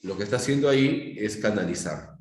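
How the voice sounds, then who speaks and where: A man's voice: on the low side, expressive, fairly quick, a little mellow, a little hiss or hum. A middle-aged Peruvian man teaching a psychology class, explaining with everyday examples and often checking whether the students follow. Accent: Peruvian Spanish. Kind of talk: live online class lecture. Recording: echoey room.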